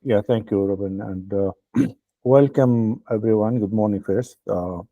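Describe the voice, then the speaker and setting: Deep dark-voiced man on a dull call. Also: no echo. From Lebanon. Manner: halting, many "uh" fillers, ends points with "okay?". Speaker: accelerator program founder. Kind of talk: online welcome speech. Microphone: video call.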